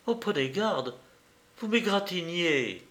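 A man reading an audiobook, voicing a coquettish young woman in a higher voice. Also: sing-song, slow pace. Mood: startled.

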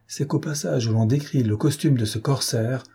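Man reading a chatty fretful governess, dark husky voice, storybook reading. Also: mid-range voice, normal speed. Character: talkative female governess, fussy and concerned.

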